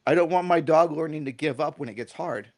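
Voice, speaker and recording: A middle-aged dog trainer on a podcast, this man has a fairly high pitch and a fairly quick pace. His talk is casual and meandering, full of "right?" check-ins, and he tells stories with animated, acted-out quotes.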